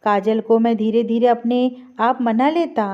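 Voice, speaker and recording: A brash young man who keeps reassuring his friend, from an audio story, read by a woman. The pitch is high. The sound is dull and lo-fi. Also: fairly even intonation, measured pace, lightly acted. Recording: dull lo-fi recording.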